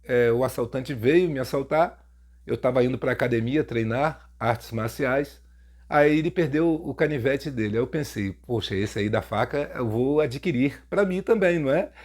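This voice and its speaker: A man's voice: mid-range voice, moderate pace, a little mellow. A man with a Brazilian Portuguese accent telling a first-person story to his viewers in a casual, mocking, jokey way. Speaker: storytelling YouTuber.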